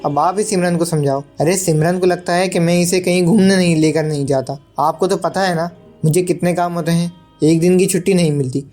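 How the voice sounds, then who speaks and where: A woman voicing a defensive, overworked young husband in an animated story, arguing in an exasperated way. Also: fairly low pitch, fairly quick, few pauses, faint music behind, natural voice.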